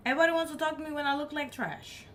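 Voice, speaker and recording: Speaking rapid-fire in a high, somewhat bright voice, a woman makes casual conversation on a live stream over slight background noise. Her first language isn't English, which is her third tongue, and she stresses her points emphatically by saying them again.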